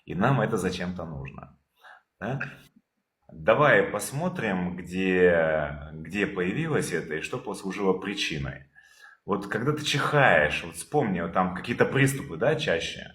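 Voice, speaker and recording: A man leading a calm therapy session over a video call, probing with repeated questions. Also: low-pitched, unhurried, echoey room.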